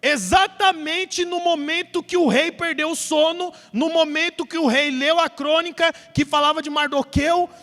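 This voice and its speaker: A male pastor preaching a sermon, telling a Bible story in a lively way and acting out the characters in a church. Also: very high-pitched, moderate pace, hardly any pauses. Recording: hall reverb with faint music.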